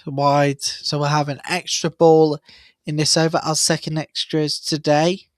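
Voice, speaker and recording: A man hosting a live cricket watchalong, chatty and excitable, jumping up in pitch at big moments. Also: a little slow, no room sound. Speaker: watchalong host.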